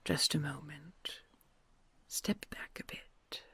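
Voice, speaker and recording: A woman's low-pitched, flat delivery carries a full character voice as a solemn, lonely yet kind dragon queen in audio roleplay, recorded dry. She speaks in a tender, whispery, gravelly hush, soft and slow, with formal, archaic courtly phrasing.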